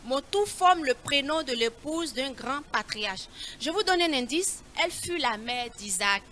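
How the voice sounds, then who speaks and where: A woman leading a children's Bible riddle quiz, reading each clue slowly and repeating it in a coaxing way. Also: high-pitched, lively intonation, bright, forceful tone.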